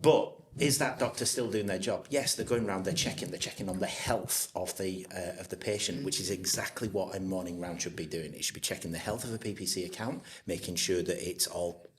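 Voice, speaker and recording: A man's voice: sits low, a little fast, hardly any pauses. A man competing in a workplace quiz who teases his rival and hesitates, with fillers, while explaining his answers. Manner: teasing, hesitant when explaining. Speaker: quiz contestant. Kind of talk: playful competitive banter.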